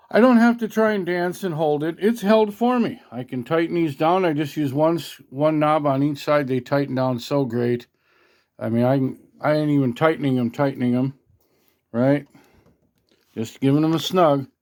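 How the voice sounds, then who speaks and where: A man with a slightly high, somewhat mellow voice speaks at a moderate pace. He's a radio hobbyist and product reviewer doing a casual hands-on demo at an indoor workbench, talking in a folksy, colloquial, mildly salty way. It's recorded on a handheld phone.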